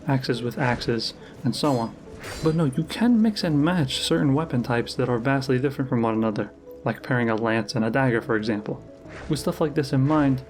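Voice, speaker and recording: A man's mid-pitched voice delivers scripted narration in the manner of a top-list countdown about video games. He explains each point in a measured way, with music playing behind him. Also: a little mellow. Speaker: video game YouTuber, narrator. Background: background music.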